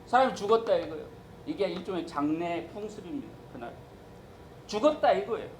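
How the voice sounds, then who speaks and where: A man's voice: high voice, lively intonation, brisk, darkish tone, slight background noise, poor audio. A man preaching a sermon as pastor, emphatic and acting out the voices he quotes.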